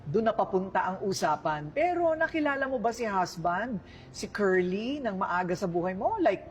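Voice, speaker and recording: A woman's voice: mid-range voice, normal speed, slight background noise. A middle-aged woman interviewing a guest in a playful, teasing manner. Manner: teasing, animated questions.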